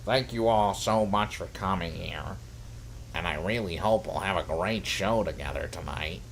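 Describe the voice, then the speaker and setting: An actor voicing a grumpy adult cartoon squid who greets an audience with formal, stagey politeness. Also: male voice, deep voice, moderate pace, a little hiss or hum. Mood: polite.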